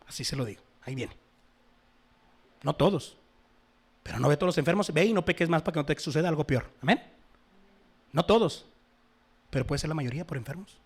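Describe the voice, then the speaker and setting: A man preaching a sermon to his congregation, swinging between loud exhortation and soft asides. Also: fairly high pitch. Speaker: pastor.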